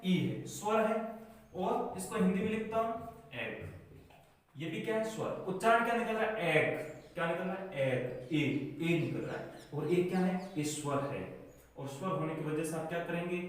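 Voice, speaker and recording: A male teacher with a Rajasthani Hindi accent walks students through a grammar rule at the board. His voice sits high, and he keeps putting questions to the class and answering them himself. The sound is very echoey, picked up from a distance across the room. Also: animated, normal speed. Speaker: school English teacher. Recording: echoey classroom, mic far away.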